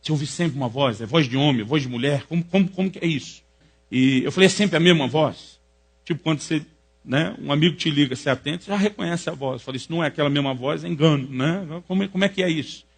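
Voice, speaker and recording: A Brazilian man, a pastor, preaching with jokey, animated storytelling in a husky voice. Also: fairly high pitch, quick pace. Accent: Brazilian Portuguese. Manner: animated, jokey storytelling with rising excited peaks. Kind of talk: sermon storytelling.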